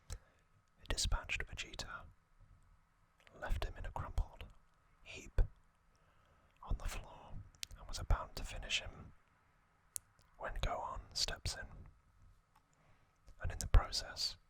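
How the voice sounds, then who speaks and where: Whispering entirely without voiced tone, a male ASMR host delivers a recap at a very slow, deliberate pace. He breaks it into short, paused phrases, and his breathy whisper remains even, with a crisp top end.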